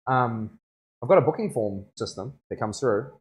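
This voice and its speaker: A man with a broad Kiwi accent and a mid-pitched voice talks to his livestream viewers. He is a tattoo artist chatting in a loose, slangy way, often looking for agreement as he goes. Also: lively intonation, moderate pace. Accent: broad New Zealand. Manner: laid-back slangy speech, often seeking agreement. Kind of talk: casual livestream chat.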